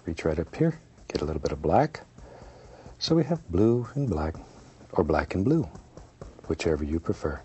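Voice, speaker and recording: A man giving an unscripted painting demonstration as a gentle, soothing instructor, folksy, playful and unhurried in his encouragement. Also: low-pitched, sing-song. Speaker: painting instructor, show host.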